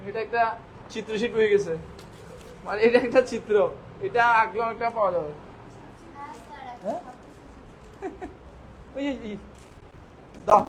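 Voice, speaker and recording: High-voiced man teaching a class. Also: low-quality recording. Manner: quizzing students with quick questions and answers. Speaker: English teacher. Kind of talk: classroom vocabulary lesson. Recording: faint background noise.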